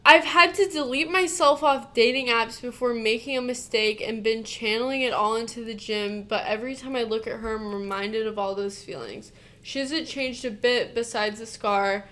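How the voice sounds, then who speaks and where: A co-host reads a Reddit post aloud, breaking off into blunt reactions with casual swearing and sometimes stumbling and restarting mid-sentence. Her voice is fairly high and a bit bright.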